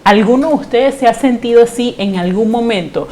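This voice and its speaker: A woman with a Panamanian Spanish accent preaching an online church sermon in an earnest way, slowing down when she reads scripture aloud. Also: on the high side, warm tone, slight background noise.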